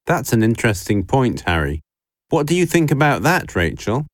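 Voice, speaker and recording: A smooth radio host, played by a man, welcomes callers with a lively, rising and falling voice. The sound is dry and close, with no room around it. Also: medium pitch, normal speed, no room sound, natural voice. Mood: friendly. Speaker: radio call-in show host. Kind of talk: scripted educational dialogue.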